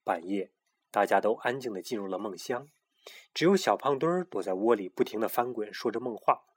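一个男人在讲儿童故事，语气生动有表情。. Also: male voice, fairly low pitch, a little fast, husky. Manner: lively, expressive storytelling. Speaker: storyteller. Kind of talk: children's story narration.

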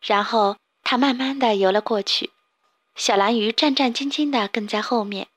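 Brief: woman narrating a kids' story, gentle and expressive, fairly high pitch. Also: normal speed, no echo.

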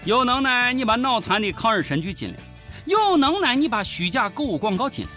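High-pitched sarcastic Shaanxi man. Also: very animated, brisk, bright, forceful tone, soft background music. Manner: sarcastic, mocking, colloquial. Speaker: host of a satirical news show. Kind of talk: comic news commentary.

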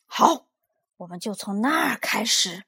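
A mischievous red monster from a children's story, bouncy and teasing in every line, played by a woman. He roars out without warning and clearly enjoys causing chaos. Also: medium pitch, animated, moderate pace, bright, forceful tone, exaggerated voice. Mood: eager.

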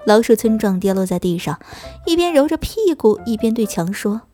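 A woman telling a children's story in a gentle, sing-song narration. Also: medium pitch, sing-song, moderate pace, soft background music.

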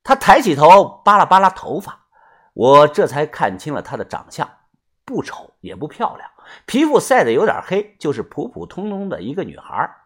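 A man narrating an audiobook story in a colloquial, lively way. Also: fairly high pitch, normal speed, slightly rough. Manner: lively, colloquial, filler particles.

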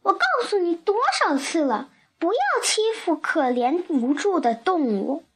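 A woman voicing a tiny, flustered old woman in a storybook, with shrill, shrieking exclamations. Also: expressive, unhurried. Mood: scolding.

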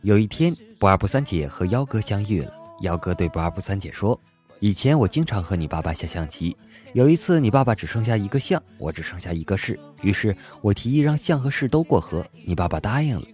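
Low-voiced man reading jokes playfully. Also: a little fast, faint music behind. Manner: playful, lively storytelling with sudden loud punchlines. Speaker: comedy radio host. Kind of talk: comic joke reading.

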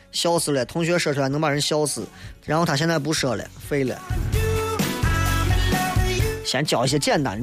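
A man with a Shaanxi accent hosting a casual late-night radio show, talking in a blunt, colloquial, philosophizing way as he chats with listeners. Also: a little high. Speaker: radio host.

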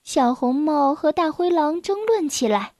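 A woman narrating a children's storybook in a clear, expressive way. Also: high voice, measured pace, no echo, clean studio sound.

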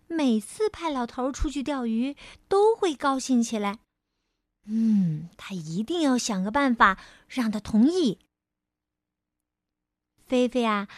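Casting note: woman storyteller for a children's picture book, high, unhurried and expressive, close and dry. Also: no echo. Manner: gentle, expressive, lingering on phrases.

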